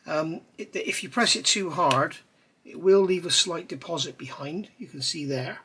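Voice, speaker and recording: This is a chatty workbench tutorial: a middle-aged man explains his scale model build while an overhead camera watches his hands. He speaks at a normal speed in a slightly rough, a little high voice, relaxed and prone to rambling asides.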